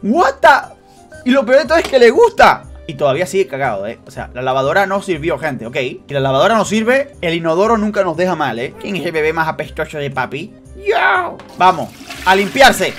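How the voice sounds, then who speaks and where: Guy doing let's-play commentary, jumps from whispery suspense to yelling, really bouncy voice. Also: on the high side, big pitch swings, quick pace, faint music behind. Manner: swings between hushed suspense and sudden loud shrieks; talks to viewers and the baby, joking and teasing. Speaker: gaming youtuber.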